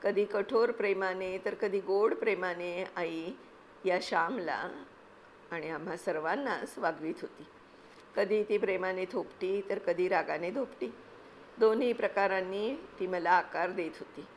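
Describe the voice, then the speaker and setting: A woman narrating a classic novel in a calm, measured, expressive literary reading. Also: lowish voice, slight background noise. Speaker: reader, narrator.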